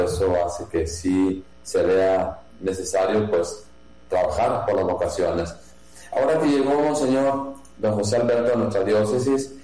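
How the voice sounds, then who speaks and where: A man from Jalisco, a priest who runs a seminary, answering interview questions slowly, with many pauses, fillers and restarts. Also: fairly low pitch, dark tone. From Mexico, Jalisco. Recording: echoey room with mains hum.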